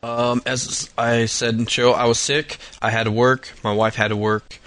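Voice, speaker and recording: A man co-hosts a gaming podcast in a laid-back, wry tone. His voice sits at an ordinary middle pitch for a man. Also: little pitch movement, moderate pace, a bit bright. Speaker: podcast co-host. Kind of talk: casual chat.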